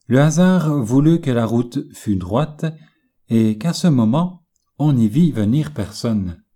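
A male audiobook narrator reads a classic novel in a measured, literary manner. His delivery is slow and unhurried. His tone is dark and mellow. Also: mid-range voice, animated.

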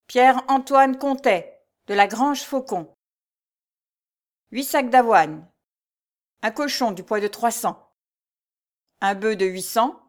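A brutal, pompous little steward who barks his orders loud and high, as a woman reads him. His voice is forceful and sharp, and every sentence sounds like an order. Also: slow, pauses often. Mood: haughty. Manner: loud, barking, peremptory. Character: short, blustering male steward, harsh. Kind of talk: storybook reading.

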